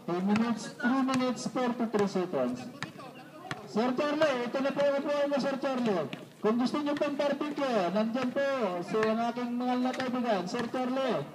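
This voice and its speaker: At an indoor basketball court, an amateur game is announced by a Visayan man whose voice is extremely high-pitched and moderately paced. Polite and joking, he addresses players and coaches with "sir" and "po." The sound comes through an echoey gym PA from far away, over heavy crowd and game noise.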